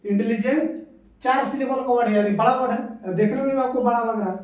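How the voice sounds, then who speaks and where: A high-pitched man teaches English grammar, repeating each rule and asking questions of his students. His voice is heard from a distance in a strongly echoing room, far from the mic. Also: a little fast. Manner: patient, repeats points and asks the class questions. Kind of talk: classroom lesson.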